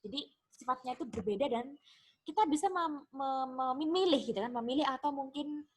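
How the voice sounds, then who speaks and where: High-voiced chatty woman teaching grammar. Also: normal speed. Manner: chatty, repeats examples, asks ya kan. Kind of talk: casual online lesson.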